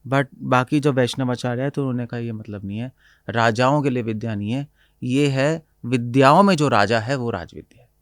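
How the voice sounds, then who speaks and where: A man's voice: mid-range voice, a little fast, no echo, clean studio sound. A man who is a spiritual teacher, explaining scripture in casual conversation, switching between Hindi and English and quoting Sanskrit verses. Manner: mixes Hindi and English, quotes Sanskrit verses, laughs often.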